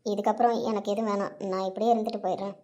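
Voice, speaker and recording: A woman's voice: mid-range voice, little pitch movement, rapid-fire, dull audio, background noise, close to an everyday voice. A woman voicing a resolute heartbroken village wife. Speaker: educated young wife.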